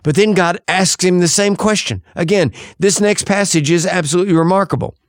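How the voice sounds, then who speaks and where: A man's voice: high voice, a little fast, no room sound. Dramatic male preacher, dry sound. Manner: dramatic, shifting between loud and hushed. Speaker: pastor. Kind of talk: sermon.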